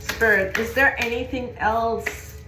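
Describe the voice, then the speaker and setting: A woman's voice: on the high side, fairly even intonation, takes it slowly, reverberant, background noise. Reassuring woman reading tarot live. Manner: repetitive, reassuring, says "okay?" often. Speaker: psychic tarot reader. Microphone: livestream setup.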